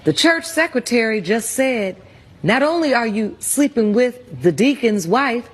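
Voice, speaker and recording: A woman's voice: fairly high pitch, expressive, measured pace. A woman presiding as a TV court judge, questioning and ruling in a blunt, scolding, commanding way.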